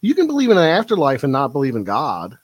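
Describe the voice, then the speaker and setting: A man hosts a late-night live stream, pondering viewer comments in a relaxed, reflective way. His pitch moves around expressively. The sound is close and dry, with no room around it. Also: fast, no room sound. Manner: thoughtful, reflective, with frequent fillers. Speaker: livestream host. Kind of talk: casual livestream chat reading viewer comments.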